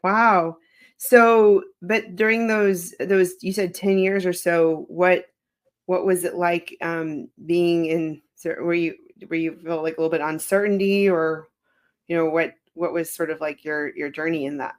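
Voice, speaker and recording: A woman's voice: lowish voice, steady tone, a little slow. A woman hosting a podcast interview, talking enthusiastically and hesitantly with many fillers. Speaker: podcast host, immigration attorney. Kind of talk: casual interview.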